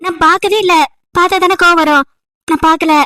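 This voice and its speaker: A woman voicing an irritated, sharp-tongued young female college student in an amateur audio drama, scolding with sarcastic rhetorical questions. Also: extremely high pitch, fairly even intonation, quick pace, a crowd in the background. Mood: annoyed.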